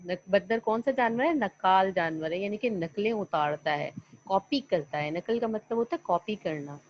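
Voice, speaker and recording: A woman's voice: medium pitch, expressive, a little hiss or hum. Woman teacher, online class, coaxing, asks and answers herself, slightly dull call audio. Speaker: primary school teacher. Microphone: computer mic on an online class call.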